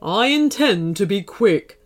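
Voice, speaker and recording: Woman doing a patient male ice dragon, calm, reassuring, slow, lively pitch. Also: soft background music. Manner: measured and reassuring.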